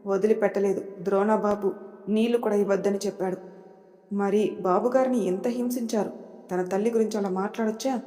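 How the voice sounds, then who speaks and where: A woman's voice: mid-range voice, fairly even intonation, brisk, dark tone, in a large hall, lightly acted. A woman voicing a blunt household maid.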